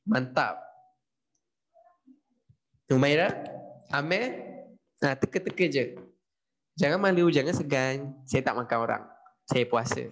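A man's voice: mid-range voice, takes it slowly, pauses often. A man with a Malaysian Malay accent teaching a history class over a video call, quizzing his students and mixing in English phrases. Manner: lively, asks students questions, mixes in English. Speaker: history tutor. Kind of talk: online class lecture.

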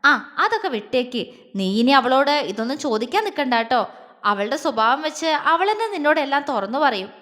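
A woman voicing a tender young husband who speaks softly, stammering and halting. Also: high-pitched, big pitch swings, in a large hall. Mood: teasing.

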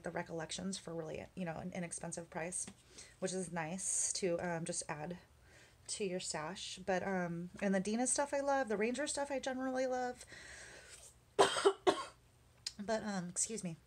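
Chatty woman rambling while she crafts. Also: lowish voice. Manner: chatty and rambling, with many fillers and small laughs; mutters softly to herself while working. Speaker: craft vlogger. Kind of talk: casual chat while crafting. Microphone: camera on the work desk.

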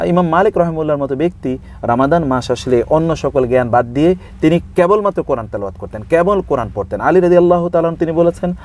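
Fast-talking man explaining scripture. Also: a little high. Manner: recites Arabic verses and mixes in English words; lists points in steady explanatory phrases. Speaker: Islamic scholar guest. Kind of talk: explanatory religious talk in an interview.

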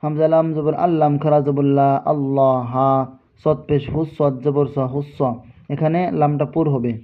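A man teaching Quran recitation, spelling out letters and vowel marks, then chanting each verse slowly. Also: on the high side, little pitch movement. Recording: tinny phone-like audio.

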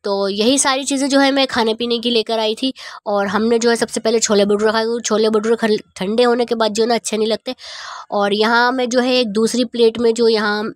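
A woman's voice: fairly high pitch, steady tone, a little fast, no echo. A woman in her thirties narrating a family vlog in a casual, rambling way with many fillers. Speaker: family vlogger. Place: outdoors on a city street at night. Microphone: phone held at arm's length.

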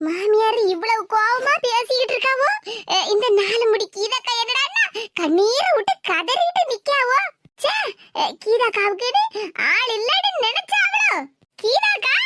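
A woman voicing a chattering, mocking young village wife with a Tirunelveli accent in an animated cartoon. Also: very high-pitched, heavily acted. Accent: Tirunelveli Tamil. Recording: hissy home recording.

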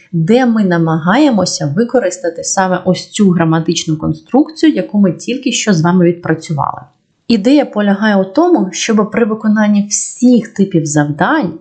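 A woman with a mid-range voice is teaching a German grammar lesson online. She explains each rule in a clear, step-by-step way. She slows down deliberately whenever she models an example sentence. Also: medium pitch, warm tone.

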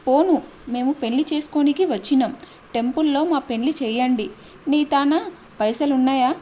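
A woman voicing a sheepish young man who speaks quietly with eyes down. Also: very high-pitched, moderate pace, a little hiss or hum.

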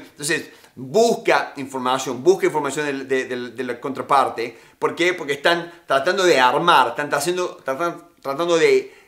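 A man's voice: a little high, a bit bright. A man teaching negotiation tactics in casual, emphatic talk, often repeating his key phrases. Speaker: negotiation instructor.

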